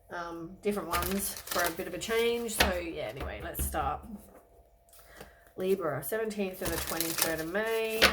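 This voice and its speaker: Croaky woman giving a tarot reading. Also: mid-range voice, very noisy. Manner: relaxed, rambling, many ums and hedges. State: croaky from a cold. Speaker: tarot reader.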